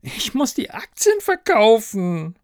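A man's voice: sits high, wildly swooping pitch, slow, no room sound, studio quality, pitched above the performer's own voice, full character voice. A man voicing the fretful, self-pitying ghost of a dead product manager, nagging in a raised voice.

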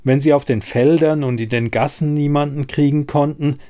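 A man narrating a dark fantasy audiobook in a measured, grave storytelling manner. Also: on the high side, fairly even intonation.

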